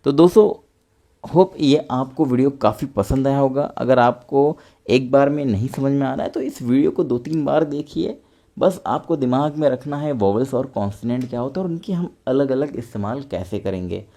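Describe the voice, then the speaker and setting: A man teaching English pronunciation in a patient, repetitive way, spelling out words letter by letter and then saying them slowly. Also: mid-range voice, warm tone. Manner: patient, repetitive explaining, addresses viewers as friends. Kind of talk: explanatory online lesson.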